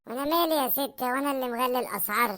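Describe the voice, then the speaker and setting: A fast-talking cartoon husband, voiced by a woman grumbles about prices and pleads for a proper meal in Egyptian Arabic. The voice sits fairly high and the delivery is whiny and complaining. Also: fairly bright tone. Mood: grumbling. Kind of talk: cartoon comedy voice acting.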